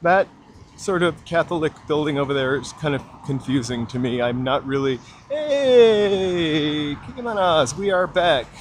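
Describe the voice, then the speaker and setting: With a fairly high pitch, lively intonation and a measured pace, a walking vlogger chats with his live-stream viewers outdoors on city streets. He names viewers as he greets them and points out sights, and his handheld gimbal camera mic carries a little hiss or hum.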